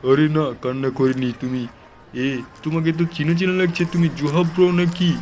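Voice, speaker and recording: A man's voice: a little high, little pitch movement, moderate pace, a little mellow, slight background noise, close to an everyday voice. A man voicing a tearful bystander in a video game, talking casually and asking questions.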